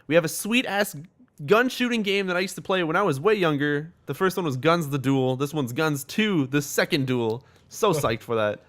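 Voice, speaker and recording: A man's voice: a little high, animated, normal speed, a bit bright. A man hosting a casual gaming podcast, reading out news in a rambling, swear-filled way and stumbling over game names.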